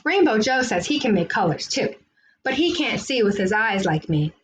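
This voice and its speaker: A woman reads a children's picture book aloud, telling the story expressively. Her voice is a little high and moves at normal speed, with slight background noise.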